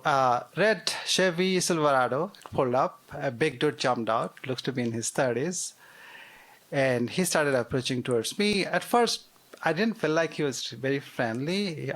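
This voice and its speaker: A man in his forties with a Bangladeshi accent tells a personal story live on stage, a touch of gravel running under his middle-pitched voice. He talks with wry, self-deprecating humor and leans on fillers as he goes. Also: a bit bright. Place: theater stage before a live audience.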